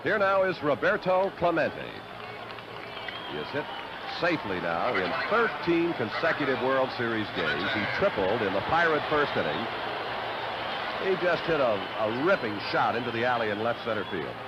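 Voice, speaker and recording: A male baseball announcer delivers measured play-by-play in a classic broadcast style. His pitch swings in a lively way as he calls the game. The audio is dull vintage 1970s broadcast sound, with heavy noise around the voice. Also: over a noisy crowd. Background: loud stadium ambience and noise.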